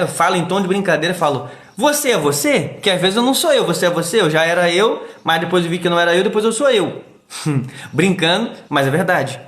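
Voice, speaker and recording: A middle-aged man from Brazil, a therapist hosting a casual live stream, talking in an animated way and acting out quick quoted voices. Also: fairly high pitch. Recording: echoey room.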